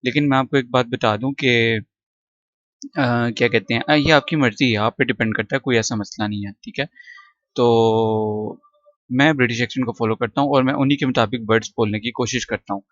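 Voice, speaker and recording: Guy teaching an english lesson, slow repeats of words, dry dull recording. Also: mid-range voice, steady tone, fairly bright tone, no echo. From Pakistan. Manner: explanatory, repeats words slowly for pronunciation.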